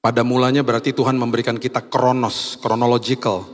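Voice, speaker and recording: Hoarse preaching man in reverberant hall. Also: medium pitch, level tone. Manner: emphatic preaching with slowed stressed phrases. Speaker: pastor. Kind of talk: sermon. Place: church hall.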